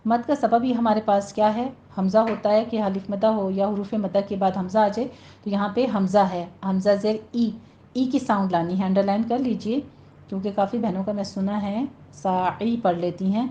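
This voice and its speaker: Woman teacher explaining recitation rules, warm dark tone, slow drawn-out examples, lo-fi recording. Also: mid-range voice, steady tone, a little hiss or hum. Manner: patient, instructive, drawn-out demonstrations. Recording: dull lo-fi audio.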